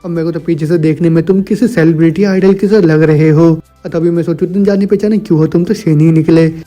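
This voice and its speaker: A man voicing a flattering, opportunistic young salesman in a storybook recap, pushy and fast. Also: on the high side, soft background music, lightly acted. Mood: fawning. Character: fawning bespectacled male salesman, opportunistic.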